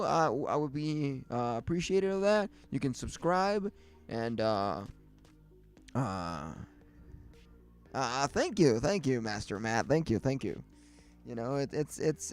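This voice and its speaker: Male host, casual chat, ordinary mid pitch; rambles and restarts, light music under him. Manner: rambling, many fillers and restarts. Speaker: livestream host. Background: faint music.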